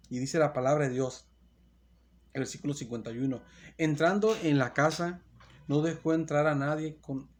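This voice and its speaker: A man's voice: mid-range voice, a little mellow, slight background noise. Earnest male preacher retelling scripture. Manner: repetitive, earnest preaching with restarts and self-corrections; reads scripture aloud, then retells it. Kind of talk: sermon.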